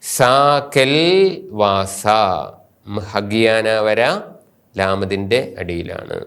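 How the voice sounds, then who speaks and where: A man with a Malayali accent, a priest teaching a slow grammar lesson who spells out letters and terms one at a time and repeats each term. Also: on the low side, fairly bright tone, smooth.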